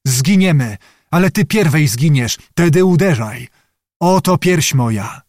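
A man playing a calm, proud young noble officer who speaks sternly and commandingly. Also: fairly high pitch, a little slow, dry recording, clean studio sound.

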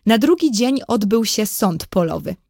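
A woman narrating a children's story as an audiobook in a clear, measured storytelling manner. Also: medium pitch, animated, darkish tone, dry recording, studio quality.

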